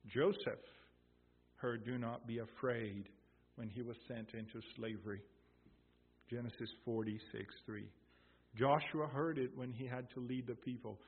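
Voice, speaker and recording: Slow husky preacher, tinny sound. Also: male voice, medium pitch, steady tone. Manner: emphatic, swelling loud on key phrases, quotes scripture slowly. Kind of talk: sermon.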